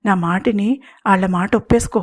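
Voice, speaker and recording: A woman voicing a naive, soft-hearted young male henchman who speaks in a Godavari district dialect in a hushed, pleading way. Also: medium pitch, moderate pace, natural voice. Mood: hushed, worried.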